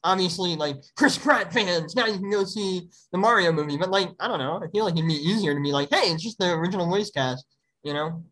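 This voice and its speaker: A man's voice: sits high, fairly quick, few pauses, pushed and bright, rough recording. A young man hosting a casual podcast, upbeat and chatty with lots of fillers and laughter. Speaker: podcast host.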